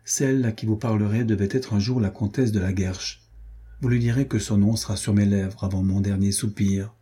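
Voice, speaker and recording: A man doing a calm condemned soldier. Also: fairly low pitch, moderate pace, husky. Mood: dignified. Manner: dignified and calm. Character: condemned young gentleman soldier, proud and calm.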